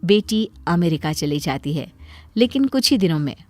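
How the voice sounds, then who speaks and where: A woman's voice: fairly low pitch, animated, moderate pace, dry recording, soft background music. A woman narrating a moral story for a cartoon in a plain storytelling manner.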